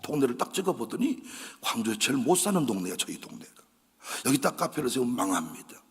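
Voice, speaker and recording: A middle-aged pastor with a Jeolla accent, preaching an animated storytelling sermon and acting out conversations in different voices. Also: male voice, mid-range voice, fast, breathy edge. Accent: Jeolla Korean. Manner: dramatic, acts out dialogue in shifting voices. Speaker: guest pastor. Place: large church sanctuary. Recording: echoey church hall.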